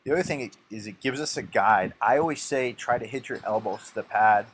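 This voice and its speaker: Low-voiced man coaching a back workout. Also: a little fast, a little hiss or hum. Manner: instructive, self-mocking. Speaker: bodybuilder narrating his workout. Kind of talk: casual workout voice-over.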